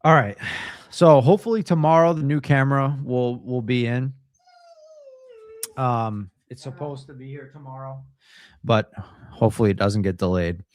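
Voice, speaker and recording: A man's voice: mid-range voice, no room sound. A man hosting a livestream, who chats casually and rambles while thinking aloud. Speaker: streamer and host.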